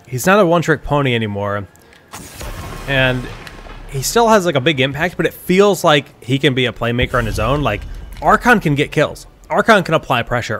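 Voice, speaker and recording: A man's voice: mid-range voice, a bit bright. A man giving esports draft analysis, thinking aloud with hesitant restarts as he works through his ideas. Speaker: esports caster.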